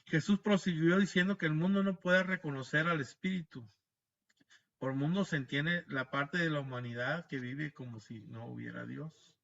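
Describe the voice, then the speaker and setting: Bright-voiced man teaching a Bible class. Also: a little high, steady tone, moderate pace, gravelly. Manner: explanatory, frequent tag questions, restarts words. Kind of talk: Bible class lesson over a video call. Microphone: video call. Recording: lo-fi video call audio.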